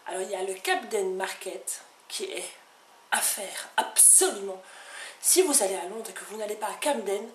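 A woman's voice: medium pitch, moderate pace. Chatty woman vlogging in an echoey room. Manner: chatty and enthusiastic, many fillers. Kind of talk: casual chat to camera. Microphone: camcorder. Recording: echoey room, somewhat far from mic, faint noise.

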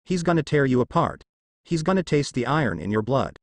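A man's voice: mid-range voice, very animated, a little fast, no room sound. A man voicing a gloating, menacing male demon who mocks his captives. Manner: taunting, mocking.

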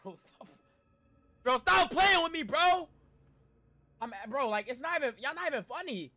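An extremely high-pitched young man with lively intonation speaks at a moderate pace, pushed and bright, with no echo. Streaming a horror game live, he reacts and chats with viewers in casual slang, pleading repetitively in exasperation. His strained voice and constant throat clearing give the sense he's losing it.

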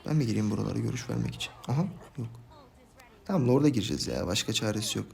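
Excitable young man commentating gameplay. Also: lowish voice, rapid-fire, vocal fry. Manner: excitable, frustrated outbursts and shouting at teammates. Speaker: gaming YouTuber.

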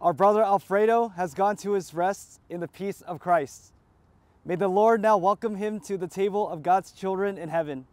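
Priest, male, high voice, measured recitation of funeral liturgy, dry sound. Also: darkish tone, no echo. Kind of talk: graveside funeral rite.

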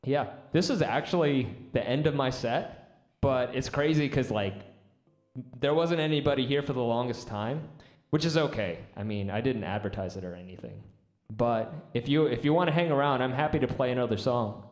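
A man's voice: medium pitch, moderate pace, a little mellow, roomy sound. A man live-streaming his music, chatting casually with viewers and answering their comments in an easygoing, rambling way. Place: room set up for live music. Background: instruments.

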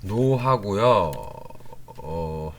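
A man teaches English grammar to his online learners, reading each example sentence aloud and then explaining it. His pitch moves up and down a lot, and he keeps asking whether they follow. Keyboard typing can be heard behind him. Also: very slow, background noise. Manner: lively, with many rising questions to the learners.

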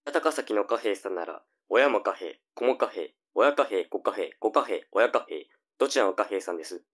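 A man's voice: lowish voice, lively intonation, moderate pace, fairly bright tone. A man playing a nagging, flippant young older brother in a tongue-twister audio drama. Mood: matter-of-fact.

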